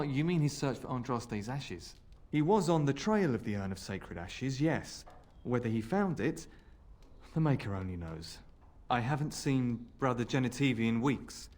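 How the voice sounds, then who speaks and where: A man's voice: medium pitch, a little mellow, lightly acted. Earnest, worried scholar's assistant, played by a man. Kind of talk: video game character dialogue.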